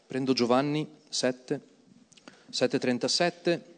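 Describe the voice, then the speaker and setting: A man preaching and leading prayer in church, slow and prayerful, rising to loud fervent exclamations. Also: mid-range voice. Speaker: pastor. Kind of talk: sermon.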